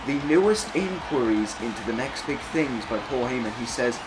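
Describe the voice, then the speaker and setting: A man's voice: medium pitch, animated, moderate pace, heavy background noise. A man doing wrestling commentary on a video game in a conversational, self-correcting way.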